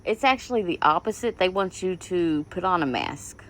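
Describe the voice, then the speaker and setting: Woman host, lowish voice, dry mocking sarcasm, commentary read. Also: animated, moderate pace, a little hiss or hum, poor audio.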